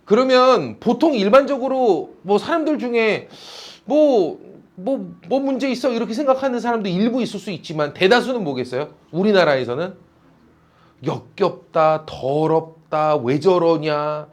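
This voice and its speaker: A male teacher lecturing a class in a lively, teasing way, often calling on students by name. His voice sits high for a man. It swings widely in pitch as he talks. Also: normal speed, hardly any pauses.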